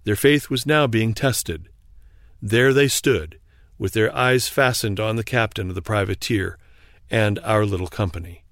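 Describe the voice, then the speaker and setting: A man calmly reading an old first-person sea memoir aloud in a measured, formal manner. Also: on the low side, no echo, studio quality. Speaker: audiobook reader. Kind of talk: scripted narration of a memoir.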